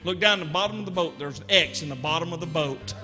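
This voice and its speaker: A man telling folksy jokes on stage in a rambling, drawn-out way. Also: on the high side, bright, forceful tone, long reverb tail, faint music behind. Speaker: comedic storyteller. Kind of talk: live stand-up joke telling.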